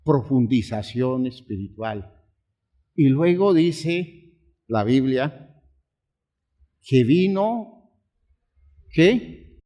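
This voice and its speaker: A man preaching a sermon as pastor, swinging between hushed, quiet lines and high, pleading outbursts. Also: expressive, drawn-out words, pauses often.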